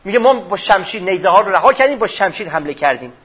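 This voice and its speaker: A man giving a religious history lesson, retelling events dramatically and swinging from loud passages to hushed ones, with a husky voice. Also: sits high, animated, dull audio. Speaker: religious teacher.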